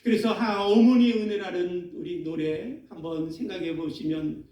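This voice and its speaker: A man's voice: sits high, moderate pace, mellow. A man preaching a sermon as pastor, dramatic, acting out laments in a raised voice. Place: church sanctuary. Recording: echoey church hall, mic at a distance.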